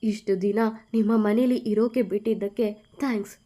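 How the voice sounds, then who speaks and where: A woman voicing a tearful, angry young wife who speaks loudly and emphatically. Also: medium pitch, steady tone, normal speed, natural voice. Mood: upset, angry. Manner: loud, emphatic, pleading.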